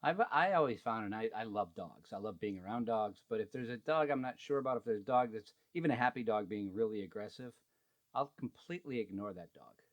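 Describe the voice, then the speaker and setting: A man hosts a relaxed conversation, talking freely and enthusiastically. His sentences start, stop and restart as he thinks aloud. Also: fairly low pitch, dry recording. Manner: chatty, halting restarts. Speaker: podcast host. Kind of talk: casual chat.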